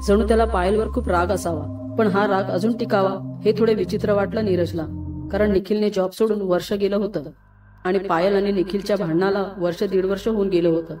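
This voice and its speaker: A woman narrating a scripted horror story in a steady, measured storytelling manner. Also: medium pitch. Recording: roomy, distant, music behind.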